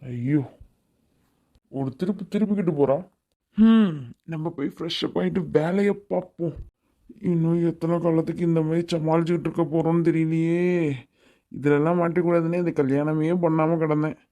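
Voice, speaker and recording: A woman's voice: sits low, fairly even intonation, normal speed, dark tone. A woman playing an irritable young businessman. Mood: irritated. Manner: irritable, offhand, dismissive. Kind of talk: cartoon voice acting.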